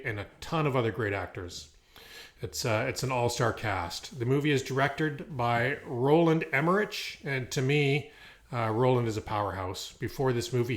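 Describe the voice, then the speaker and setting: Middle-aged man hosting a podcast. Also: medium pitch. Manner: upbeat, announcer-like reading with occasional fillers. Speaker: podcast host. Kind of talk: scripted podcast introduction.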